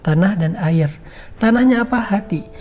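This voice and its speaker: A man's voice: sits high, moderate pace, darkish tone. A male Islamic preacher giving a casual, conversational religious talk, mixing slang with quoted Arabic verses. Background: faint background music.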